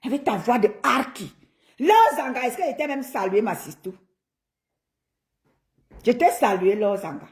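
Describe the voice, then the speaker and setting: A woman with a Cameroonian French accent talking casually on a live stream, animated and teasing, laughing often and greeting her viewers by name. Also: fairly high pitch, moderate pace, pauses often.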